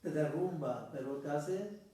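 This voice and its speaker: A man's voice: fairly high pitch, animated, measured pace, mellow. A man preaching a sermon as a priest, telling a story and calling his listeners brothers. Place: church. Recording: echoey church from far off.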